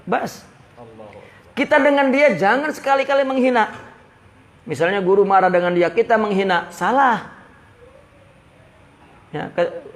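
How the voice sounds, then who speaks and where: Man, religious teacher, high voice, study-circle lecture, Arabic phrases mixed with slang. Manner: lively, mixes Arabic phrases and Jakarta slang. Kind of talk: lecture on a classical Arabic text.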